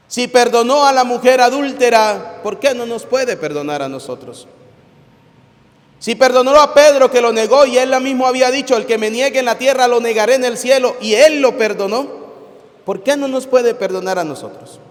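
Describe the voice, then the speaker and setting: Priest guy giving a homily, fairly high voice, big echoey church sound, goes loud then quiet telling stories. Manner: animated storytelling, swinging from loud to hushed. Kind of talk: homily and prayers at mass. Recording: church hall with long reverb.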